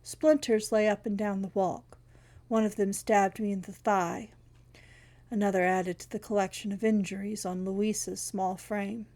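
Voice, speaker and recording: Woman narrator, scripted story reading, steady and wry. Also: medium pitch, unhurried.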